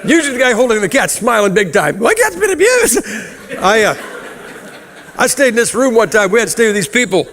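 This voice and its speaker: A man's voice: sits high, animated, fast talker, fairly bright tone. A man preaching a sermon in a church, blunt and emphatic, chuckling through his stories. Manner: humorous, chuckles through anecdotes. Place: church sanctuary. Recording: long hall reverb.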